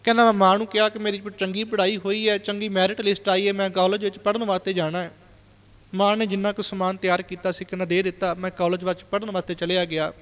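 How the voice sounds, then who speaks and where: A man's voice: high voice, level tone, fast, a bit bright, clean tone, long reverb tail. A Sikh preacher telling a moral story in an earnest sermon, repeatedly inserting "he said.".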